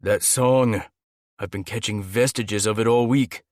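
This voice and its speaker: A man voicing a young male gargoyle shifter who talks earnestly and urgently, a little higher and louder than his narration. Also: fairly even intonation, a little slow, no room sound, clean studio sound, lightly acted. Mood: weary.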